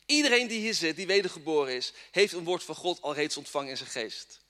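Fervent male preacher, high bright voice, church hall reverb. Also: animated, a little fast. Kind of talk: sermon with scripture reading.

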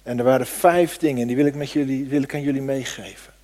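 A middle-aged male preacher delivering a sermon in a church hall, his mid-pitched voice trailing off into a long reverb. He swings from loud, emphatic declaring down to hushed, almost whispered prayer. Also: steady tone, quick pace.

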